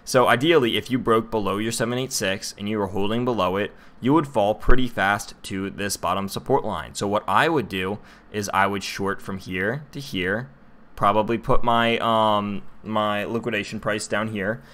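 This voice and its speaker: A man's voice: on the low side, moderate pace, a bit bright. A young man hosting a casual livestream of chart analysis, chatty with many fillers, talking to his viewers in chat. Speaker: crypto livestream host.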